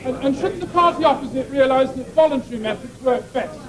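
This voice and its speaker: A man's voice: extremely high pitch, expressive, brisk, crowd noise. A male backbench MP putting a formal question in parliament. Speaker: government backbench member of parliament. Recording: noisy parliament chamber.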